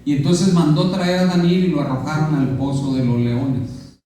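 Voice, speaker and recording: Mexican pastor preaching in an echoey church. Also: male voice, on the high side, fairly even intonation, moderate pace, dark tone. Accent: Mexican Spanish. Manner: preaching with questions to the congregation. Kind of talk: sermon. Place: church sanctuary. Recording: echoey church hall from far off.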